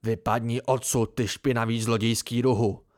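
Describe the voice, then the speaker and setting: A man's voice: fairly high pitch, close to an everyday voice. A man voicing an arrogant young nobleman who spits insults and barks orders in an audiobook scene. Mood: furious, spiteful. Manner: spiteful, shouting orders. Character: arrogant rich young nobleman, furious bully.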